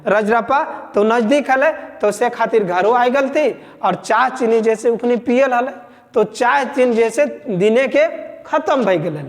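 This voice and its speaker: High-voiced teacher with a Jharkhand Khortha lilt. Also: male voice, long reverb tail. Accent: Khortha-speaking Jharkhand. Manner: conversational, tags lines with 'बुझले'. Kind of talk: explaining a story to exam students.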